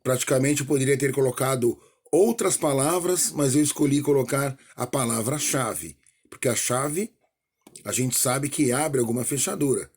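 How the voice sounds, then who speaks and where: A man's voice: mid-range voice, moderate pace, darkish tone, breathy edge. A male teacher explaining a grammar lesson, often checking in with "ok?" and getting livelier as he gives examples. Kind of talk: recorded online lesson.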